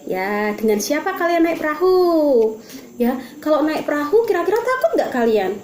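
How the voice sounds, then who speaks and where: A woman teaching Sunday school, telling a story to children in a lively way and asking them questions. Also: high-pitched, moderate pace. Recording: echoey room with faint noise.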